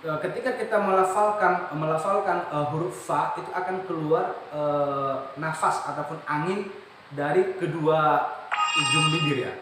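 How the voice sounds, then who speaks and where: A man's voice: on the high side, background noise. An Indonesian man teaching Quran reading, explaining patiently and often checking that his listeners follow. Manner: explains slowly, often checks understanding, stretches out recited syllables. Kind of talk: classroom lesson. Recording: very echoey room from far off.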